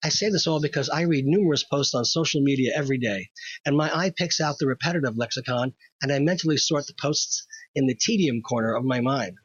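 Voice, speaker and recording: A man's voice: mid-range voice, fast, breathy edge, dry recording, highs cut off. A man hosting a scripted opinion monologue, wry, wordy and pedantic. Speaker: host.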